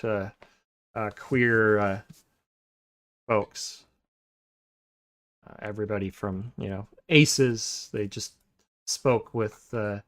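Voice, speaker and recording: A man hosting a podcast in a relaxed, casual chat, pausing often with filler sounds and restarting sentences. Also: medium pitch. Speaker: podcast host.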